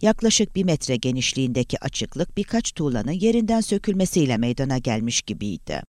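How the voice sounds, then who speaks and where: A man narrating an audiobook in a dramatic, expressive reading style. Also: mid-range voice, a little fast, no echo, studio quality. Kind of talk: scripted narration.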